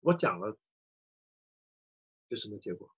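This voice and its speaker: Husky middle-aged pastor telling a story. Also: male voice, fairly low pitch, a little slow, lo-fi sound. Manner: animated storyteller acting out quoted voices. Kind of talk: sermon storytelling.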